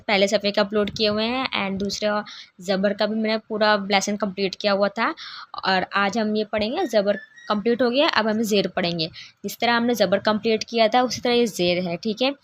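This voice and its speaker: A woman's voice: mid-range voice, dry recording. A woman teaching a beginners' Quran reading lesson, patient and encouraging, drawing out each letter sound for learners to repeat.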